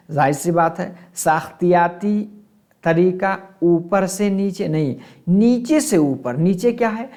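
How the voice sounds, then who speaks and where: A man's voice: on the high side, darkish tone. A man teaching an exam-prep lesson, asking questions and answering them himself and glossing terms in English.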